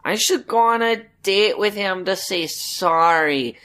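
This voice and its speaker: A man putting on the voice of a sensitive, fretful teenage girl, slow and mock-girlish. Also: high voice, sharp tone, clear, resonant tone, voice pushed up, exaggerated voice.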